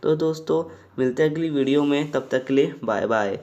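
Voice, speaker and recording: Young guy explaining a poem to students, kinda high voice, dull audio. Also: fairly quick, darkish tone. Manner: plain, repetitive, addresses viewers as friends. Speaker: tutor.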